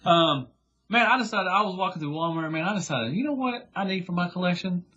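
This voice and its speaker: A husky-voiced man chats on a podcast over a dull, lo-fi recording. He is enthusiastic and gushing, and he circles back over his own points. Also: high-pitched, expressive, fairly quick, bright, forceful tone. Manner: enthusiastic, gushing, repeats himself. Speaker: podcast co-host. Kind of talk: casual chat.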